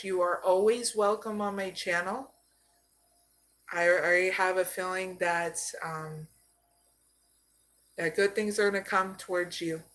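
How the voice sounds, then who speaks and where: A woman from Arizona giving a live card reading, slow and soothing, often checking in with "okay?". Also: lowish voice, fairly bright tone. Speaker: psychic card reader.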